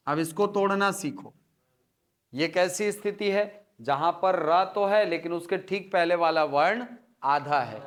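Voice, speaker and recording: A man teaching Hindi spelling to a classroom, breaking words into letters slowly and often asking if students follow. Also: fairly high pitch, a bit bright. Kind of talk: classroom lecture.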